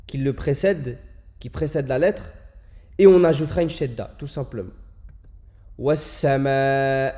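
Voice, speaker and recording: A man leads an Arabic lesson with a mellow, warm voice pitched in an ordinary middle range. He explains patiently, repeating the example words and drawing them out slowly so each sound can be heard. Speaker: Arabic teacher.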